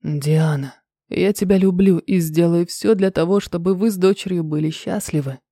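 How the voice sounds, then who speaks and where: A brooding snow-leopard shapeshifter husband, as a woman narrator puts him on, speaks in a low, hushed, intense way. His voice is mellow and dark, recorded dry and close. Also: moderate pace, no room sound, natural voice. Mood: tender.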